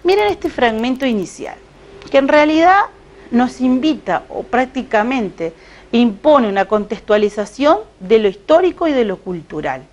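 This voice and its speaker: A woman teacher, giving a recorded lecture and reading excerpts slowly, with many rhetorical questions. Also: fairly high pitch, expressive, darkish tone.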